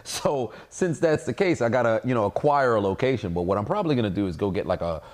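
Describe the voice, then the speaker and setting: A man's voice: medium pitch, expressive, quick pace. A man co-hosting a podcast, talking in a casual, conversational style. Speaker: podcast co-host. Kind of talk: casual chat.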